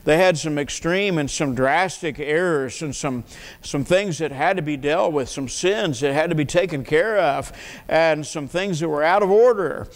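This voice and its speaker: Older male pastor, slightly high voice, earnest pulpit sermon, church hall reverb. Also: normal speed. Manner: earnest, asks the congregation questions, repeats words. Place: church sanctuary, at a wooden pulpit. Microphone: pulpit mic.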